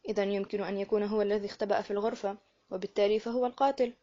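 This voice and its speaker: A woman voicing a shrewd older male detective in an audiobook, reasoning in a measured way. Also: mid-range voice, steady tone, dark tone, muffled recording, lightly acted. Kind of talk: audiobook character reading.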